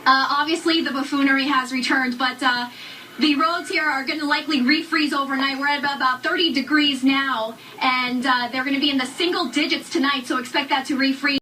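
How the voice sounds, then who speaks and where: A woman's voice: high-pitched, fairly even intonation, fairly quick, bright, forceful tone, far from the mic, slight background noise, rough recording. A woman with an American accent giving a live, unscripted field report as a news reporter.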